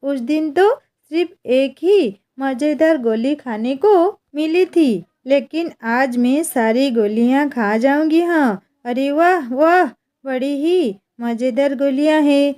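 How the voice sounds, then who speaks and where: A woman voicing a lazy, greedy village wife with a huge appetite, who talks in drawn-out exclamations. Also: high voice, a little mellow. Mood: delighted.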